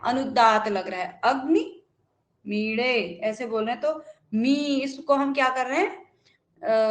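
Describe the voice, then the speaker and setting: A woman's voice: high voice, roomy sound. A woman teaching a live online lesson, explaining patiently with many fillers and rhetorical questions. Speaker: Sanskrit teacher.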